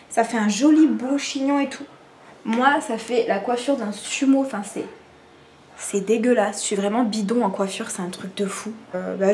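A woman's voice: a little high, a little hiss or hum. A young woman from France vlogging casually at home, rambling and self-mocking, with many fillers, speaking to a camera propped on cushions. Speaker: beauty vlogger. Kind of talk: casual chatty vlog. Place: at home indoors.

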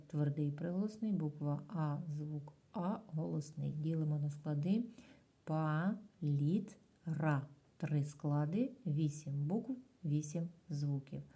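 A woman from Ukraine giving a primary school video lesson, dictating slowly and clearly and asking the pupils questions. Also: sits low, mellow.

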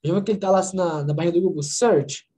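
A woman teaching English in an online class from a Brazilian Portuguese accent, explaining pronunciation slowly and checking in with her students. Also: fairly low pitch, steady tone, warm tone, rough recording. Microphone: video call.

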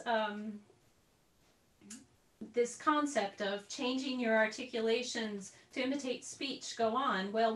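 The voice is a little high with a sharp tone, belonging to a woman teaching a group recorder lesson online. She talks through things in a chatty way, with little asides. Her computer mic is distant, so the video-call audio comes out roomy.

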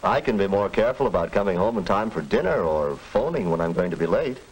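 Husky, reasonable American father. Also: low voice, expressive, fast, poor audio. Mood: agreeable. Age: middle-aged. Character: agreeable, reasonable middle-aged father. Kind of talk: 1940s educational film acting. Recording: vintage film soundtrack.

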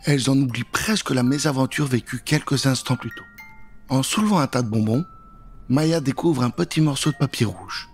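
Dramatic storytelling for children: a middle-aged man with a mid-range voice narrates a spooky story at a moderate pace, building suspense theatrically. He's close on a studio mic with a pop filter in a small indoor space, and music runs in the background.

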